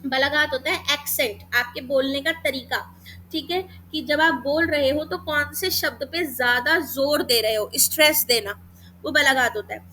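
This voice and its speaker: A woman teacher with a high, bright voice takes students through Hindi grammar for an exam. She calls them beta, slips English terms into her explanations and sounds out each letter slowly. A faint hum runs under the recording. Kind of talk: exam-prep lesson.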